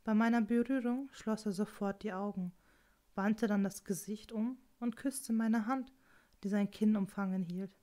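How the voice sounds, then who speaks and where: Female audiobook narrator, calm, intimate first-person reading. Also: mid-range voice, measured pace. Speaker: audiobook reader.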